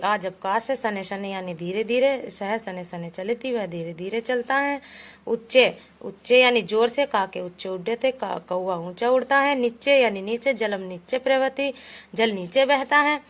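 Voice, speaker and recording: Fairly high-pitched and a bit bright, this woman speaks a little slowly while giving a Sanskrit class to children. She patiently says "beta" to her pupils, reading every example aloud and then translating and explaining it in Hindi.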